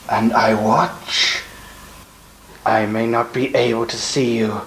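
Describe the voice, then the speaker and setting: An actor playing an unseen villain who commands minions, speaking slowly and deliberately with an echo around his voice. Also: medium pitch, a bit bright, heavily acted. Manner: slow, gravelly, deliberate threats. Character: menacing unseen male villain controlling minions. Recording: echoey, with faint noise.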